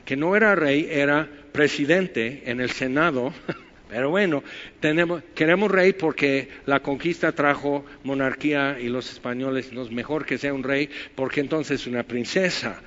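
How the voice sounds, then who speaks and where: A man's voice: medium pitch, measured pace, a bit bright. A Mexican man with a Mexican Spanish accent, preaching a conversational sermon full of rhetorical questions and wry asides. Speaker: pastor. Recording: muffled with long hall reverb.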